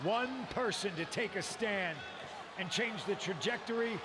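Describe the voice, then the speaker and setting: An actor playing a boastful wrestling faction leader cutting a promo in a video game cutscene, grandstanding with drawn-out announcements. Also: male voice, high voice. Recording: game audio over roaring crowd noise.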